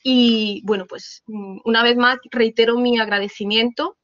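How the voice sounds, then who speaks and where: A woman's voice: a little high, fairly even intonation, normal speed, a bit bright, dry recording. A woman with an accent from Spain, hosting and giving an informal spoken introduction of a guest lecturer. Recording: dull, lo-fi video-call audio.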